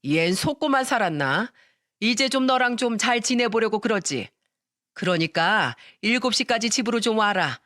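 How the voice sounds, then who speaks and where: A woman playing a grasping, domineering mother-in-law in a storytelling radio drama, loud and drawn-out as she demands things. Her words stretch slowly and sound a little set back from the mic. The recording is dry. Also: a little high, expressive, no room sound. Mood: scheming.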